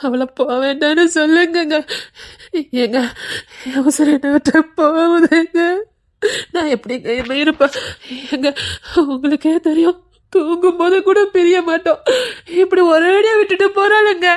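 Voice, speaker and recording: A middle-aged woman sobs and wails in exaggerated grief, played by a woman in a comic skit. She has a Tirunelveli Tamil accent and a very high voice. Her crying lament is melodramatic and theatrical. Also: steady tone, moderate pace. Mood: wailing. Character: middle-aged woman wailing over her departing friend.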